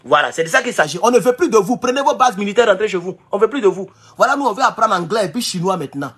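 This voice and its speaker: Animated West African French-accented man. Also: high-pitched, racing, breathy edge. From Burkina Faso. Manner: animated, emphatic, with repeated restarts and addresses to "chers camarades". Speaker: commentator. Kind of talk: casual political commentary.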